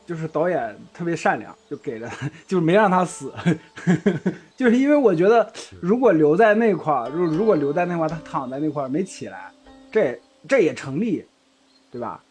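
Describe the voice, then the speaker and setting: High-voiced chatty man on a podcast. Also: sing-song, normal speed, a little mellow, faint music behind. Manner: chatty, laughing, hesitant restarts. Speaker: podcast co-host. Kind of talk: casual podcast discussion.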